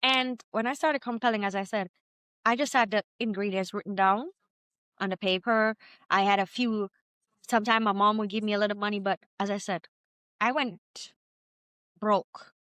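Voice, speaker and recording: A woman in her thirties with a Jamaican accent, telling her story as a podcast guest in a lively, chatty way. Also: mid-range voice, normal speed, long pauses, dry recording. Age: 30s. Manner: lively, chatty, quotes herself often. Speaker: guest entrepreneur. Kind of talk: candid storytelling interview.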